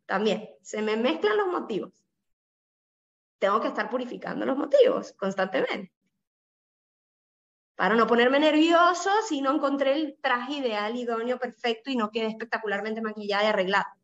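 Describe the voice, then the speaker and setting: A woman's voice: on the high side, lively intonation, normal speed, muffled recording. A woman with a Caribbean Spanish accent, leading a Bible study, explaining verses and often checking in with "¿no?" and "¿sí?". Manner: explanatory, asks listeners with frequent "¿no?" and "¿sí?".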